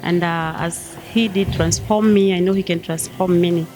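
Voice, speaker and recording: A woman's voice: on the low side, steady tone, moderate pace, darkish tone, slight background noise. A woman, sharing her life story in a hesitant, plain way. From Tanzania. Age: 50s. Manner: hesitant, plain, with Swahili words mixed in. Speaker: guest sharing testimony. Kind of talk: personal testimony interview.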